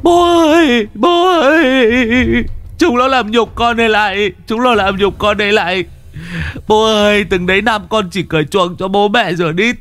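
A man voicing a panicked young man who wails and sobs in a whiny falsetto, like an audiobook story. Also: moderate pace, a bit bright. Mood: wailing.

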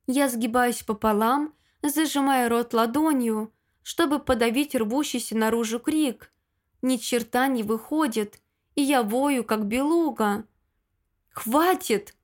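A woman with a fairly high voice reads first-person audiobook narration. Her delivery is emotional and dramatic, leaning into every line. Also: unhurried.

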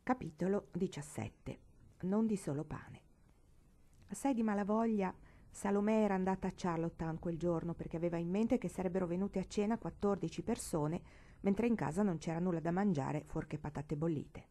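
A woman reading a novel aloud with expressive narration, lifting her voice for emphasis. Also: lowish voice, moderate pace. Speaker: audiobook reader. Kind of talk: audiobook narration.

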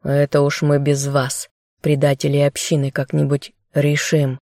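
A woman voicing a grim, stern man who can turn into a bear, speaking quiet threats. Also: low voice, completely flat delivery, unhurried, no echo, clean studio sound.

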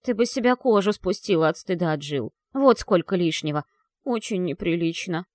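A woman voicing a flustered young werewolf girl whose voice gurgles with tears and swings high and whiny. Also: expressive, moderate pace, a little mellow, no echo, close to an everyday voice. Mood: grumbling. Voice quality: tearful, gurgling voice. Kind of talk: audiobook character voice.

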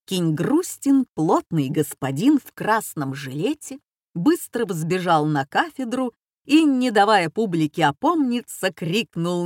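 A woman narrating a humorous story in a calm, measured storytelling manner. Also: lowish voice, no echo, clean studio sound.

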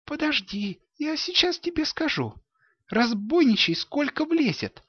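A man voicing a fierce, defiant young robber's daughter who shouts shrilly in a dull, dry recording. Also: very high-pitched, very animated, a little slow, no room sound, voice pushed up, exaggerated voice. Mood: furious defiant.

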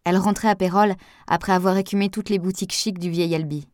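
A woman reading a novel aloud in steady, measured audiobook narration. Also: on the low side, no room sound, clean studio sound. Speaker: audiobook reader.

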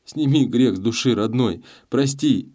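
A man's voice: mid-range voice, unhurried, warm tone, pitched above the performer's own voice, natural voice. A man voicing a humble, tearful young peasant in an audiobook, pleading meekly. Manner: pleading, meek. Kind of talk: audiobook character voice.

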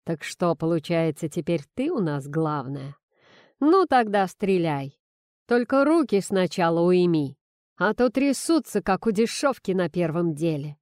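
Woman reading as a menacing male criminal boss, low, slow, taunting, dry close voice. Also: very animated, darkish tone, no echo. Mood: sneering menace. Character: menacing male gang boss Kaban, mocking and cruel.

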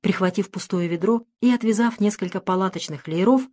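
A woman's voice: mid-range voice, fairly quick, dark tone. Woman narrating an audiobook. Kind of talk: scripted narration.

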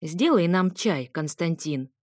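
A woman voicing a haughty, imperious old grandmother in an audiobook, speaking slowly, coldly and commandingly. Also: sits low, lively intonation, darkish tone, dry recording, clean studio sound. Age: older. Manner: slow, cold and commanding.

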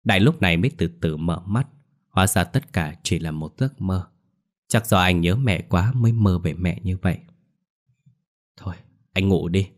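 A man narrating a scripted horror story in a steady, grave way. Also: deep voice, moderate pace.

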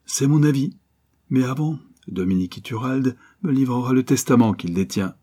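A man's voice: mid-range voice, moderate pace, dark tone, husky, pitched above the performer's own voice, lightly acted. A man reading aloud and voicing a sneering, ruthless male bandit chief in a storybook adventure. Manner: sneering, boastful.

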